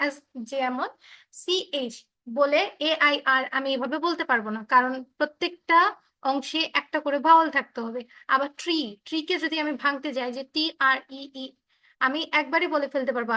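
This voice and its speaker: A woman with a Bengali accent teaching an online English class over a video call, explaining slowly and repeating herself as she switches between English and Bengali. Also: high voice, pushed and bright.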